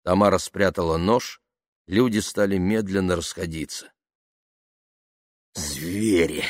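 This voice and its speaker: A man narrating an audiobook in a lively, expressive reading. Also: low voice, moderate pace, no room sound, studio quality. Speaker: audiobook reader. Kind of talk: scripted narration.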